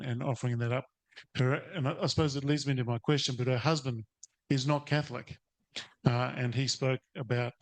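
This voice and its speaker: Seated in a conference or webinar room, a male teacher from New Zealand asks a long, hesitant question from the audience at a seminar, full of fillers and false starts. His voice is mid-range, and the audio quality is poor.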